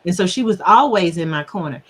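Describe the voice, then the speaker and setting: A middle-aged woman counselor chatting casually and telling lively stories, often laughing and mimicking the people she quotes. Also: lowish voice, brisk, husky. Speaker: relationship counselor guest. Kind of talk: casual conversation.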